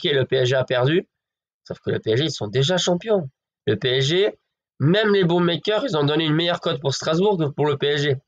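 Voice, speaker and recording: His voice is a little high, with the top frequencies cut off. He's a chatty football tipster who talks to viewers like pals, giving betting predictions full of hedging fillers.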